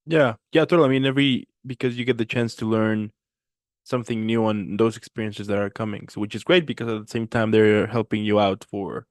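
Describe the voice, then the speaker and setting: A man's voice: on the low side, steady tone, a little fast, no room sound, studio quality. A man hosting a casual chat show, laid-back and agreeable, with a slangy way of talking. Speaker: host.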